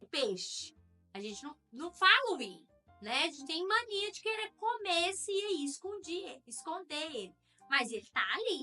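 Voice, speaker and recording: A woman's voice: extremely high pitch, bright, forceful tone. A young adult woman from Goiás with a Central-West Brazilian accent, teaching an online class and explaining patiently step by step. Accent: Central-West Brazilian Portuguese.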